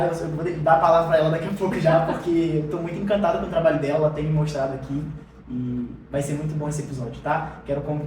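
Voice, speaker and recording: A man's voice: fairly high pitch, a little mellow, slight background noise. A man hosting a casual podcast interview, enthusiastic and a little stumbling as he introduces his guest. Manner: enthusiastic, slow-paced, stumbling. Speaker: podcast host. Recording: echoey room, distant mic.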